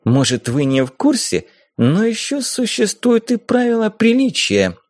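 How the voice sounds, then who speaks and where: Man voicing prim young woman, earnest lecturing tone, high voice, close dry sound. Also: huge pitch swings, a little slow, dry recording, heavily acted. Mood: insistent. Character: pretty young woman NPC, strict, insistent, prim.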